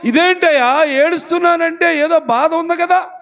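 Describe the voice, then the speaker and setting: A man's voice: extremely high pitch, moderate pace, a bit bright, voice pushed up. A preacher voicing a weeping, bewildered mother. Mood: plaintive. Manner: plaintive, pleading questions.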